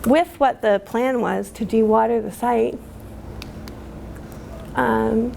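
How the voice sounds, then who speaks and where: Emotional woman with a gravelly voice. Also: on the high side, fairly even intonation, darkish tone, slight background noise. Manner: halting, many fillers, emotional. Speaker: community activist speaker. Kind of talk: emotional public talk.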